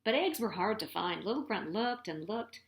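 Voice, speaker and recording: In an echoey room, a woman with a mid-range, creaky voice reads a children's picture book aloud. She tells the story in an animated way, putting dramatic, deliberate emphasis on her words.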